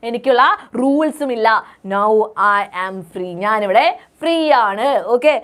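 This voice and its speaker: A young woman with a Malayali accent teaching an online class, switching between Malayalam and English and half-singing the English lyric lines slowly. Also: a little high, animated. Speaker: online tutor. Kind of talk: online class explaining a song.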